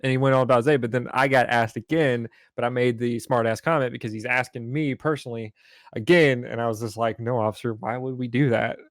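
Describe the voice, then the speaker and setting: A man's voice: medium pitch, steady tone, fast, no room sound, clean studio sound. A man, rambling through a casual story on a podcast and cursing freely. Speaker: podcast co-host. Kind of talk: casual chat.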